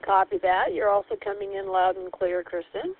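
A woman's voice: mid-range voice, very animated, normal speed. A woman hosting a radio net, working through call signs in a cheerful, formal radio manner, heard over a two-way walkie-talkie. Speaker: radio net control host. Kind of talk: running on-air radio check-ins. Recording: tinny narrow radio channel with faint hiss.

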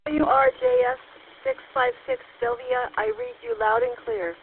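A woman's voice: extremely high pitch, animated, moderate pace, creaky. A woman checking in over a walkie-talkie, answering by call sign and thinking aloud in a rambling way with many fillers. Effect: heard over a walkie-talkie radio. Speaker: caller checking in to a radio net. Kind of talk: radio net check-in chat. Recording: tinny two-way radio with faint hiss.

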